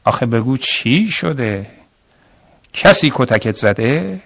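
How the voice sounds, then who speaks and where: A man voicing a kind, patient village father in a radio story, speaking calmly and slowly to comfort his son. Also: medium pitch, gravelly, slightly rough, dry recording, exaggerated voice. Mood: gentle. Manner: calm and gentle, slow and comforting.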